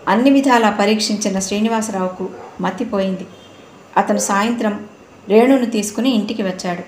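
Woman reading a novel out loud, steady, echoey room with a little hiss. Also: mid-range voice. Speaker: audiobook narrator. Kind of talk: scripted novel narration. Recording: roomy room, faint noise.

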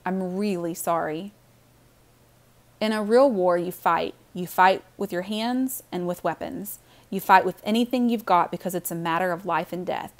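Calm woman reading a storybook. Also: lowish voice. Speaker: audiobook narrator. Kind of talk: storybook narration.

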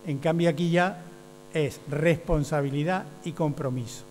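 Against soft background music, a hum and long hall reverb, a teacher trainer explains things step by step to teachers, acting out quoted voices and often asking "¿ve?". His darkish voice is a little high, steady in tone and at normal speed.

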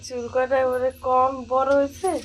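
A woman vlogging casually at home in the kitchen, chatty as she shows things to viewers, her voice slightly hoarse. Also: high voice, monotone, moderate pace, a little hiss or hum. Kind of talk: casual home vlog chat.

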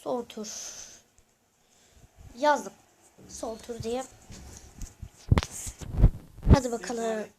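A host giving live gameplay commentary to viewers, excitable and crying out when losing, asking for likes and subscribes. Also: mid-range voice, takes it slowly, background noise. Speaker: gaming channel host.

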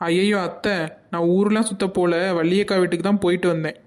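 A woman's voice: on the low side, fairly even intonation, fast talker, darkish tone, natural voice. A woman voicing a young mother and daughter-in-law in a cartoon, apologetic. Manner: apologetic, pleading. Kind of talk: cartoon voice acting.

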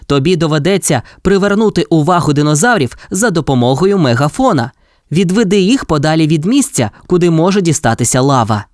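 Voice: medium pitch, animated, fairly quick, darkish tone, no echo, clean studio sound, pitched above the performer's own voice, close to an everyday voice. A storyteller voicing a brave, cheerful boy who leads a team of rescue puppies in an audio fairy tale. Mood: commanding. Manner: cheerful, commanding.

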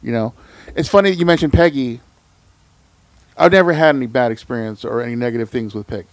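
A man's voice: mid-range voice, fast, no echo. A man hosting a podcast, telling stories in a laid-back, slangy casual chat. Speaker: podcast host.

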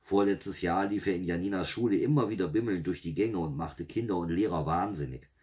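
A man's voice: low voice, fairly quick, close to an everyday voice. A man voicing an anxious, jumpy mother. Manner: anxious, hushed. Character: nervous mother, shuddering and anxious.

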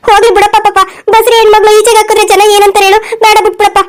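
Voiced by a woman, a scheming older mother-in-law from a cartoon speaks in a very high, shrill voice and races through her words. She is sly and scolding, always plotting behind the family's back. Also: flat delivery, racing. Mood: feigned pity.

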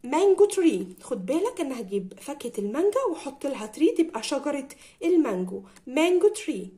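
A woman English teacher with an Egyptian Arabic accent, leading a vocabulary drill and repeating each word slowly and clearly for her pupils. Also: sits high, sing-song, mellow.

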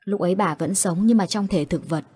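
A woman, narrating horror stories in a calm, matter-of-fact way. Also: on the low side, brisk, husky. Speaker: storyteller.

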